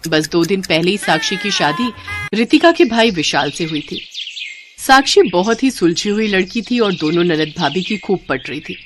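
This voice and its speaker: A woman narrating an animated moral story in a steady, clear storytelling manner. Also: fairly low pitch, background noise.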